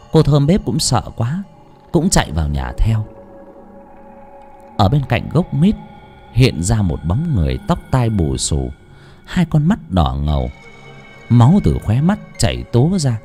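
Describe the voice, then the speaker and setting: A man narrating a ghost story in a dramatic, expressive way, moving between hushed and forceful. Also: medium pitch, measured pace, faint music behind.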